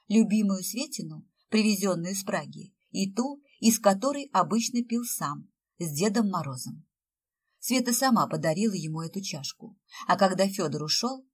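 A woman reading a story aloud as narrator, in a lively storytelling manner. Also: medium pitch, breathy edge. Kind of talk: audiobook narration.

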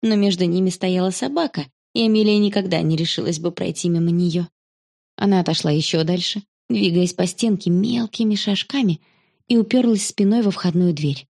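A woman narrating a children's story in a calm, even storytelling manner. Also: lowish voice, moderate pace, vocal fry.

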